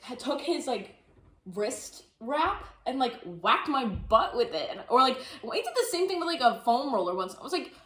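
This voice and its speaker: A woman's voice: high-pitched, big pitch swings, normal speed, fairly bright tone. A young woman co-hosting a casual podcast, chatty and full of fillers, retelling stories with animation. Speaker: podcast co-host. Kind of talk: casual chat. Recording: echoey room.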